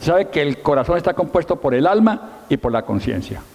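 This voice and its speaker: A middle-aged pastor preaches in a church hall with long reverb. His voice is mellow and fairly high for a man. He tells his story with emphasis and self-mocking humor. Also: big pitch swings, fairly quick, vocal fry. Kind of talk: sermon.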